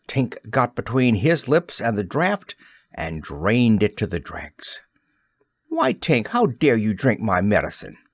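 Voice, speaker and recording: A man reads a children's classic aloud at an unhurried, measured pace. His pitch rises and falls freely as he tells the story. The recording is dry and close. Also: no room sound. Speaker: audiobook narrator. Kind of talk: scripted narration.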